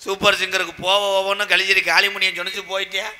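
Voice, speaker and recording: A man performing as a stage drama comedian, addressing a village crowd in a loud, declamatory way with joking asides, from an outdoor stage. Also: high-pitched, monotone, fast, slight background noise. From Tamil Nadu, India.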